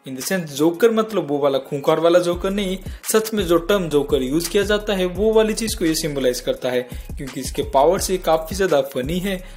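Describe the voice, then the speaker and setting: A man's voice: fairly high pitch, normal speed, few pauses, a little mellow. A man hosting a casual comic news roundup in speech, chatty and joking, talking straight to his viewers. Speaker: entertainment news host. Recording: faint music behind.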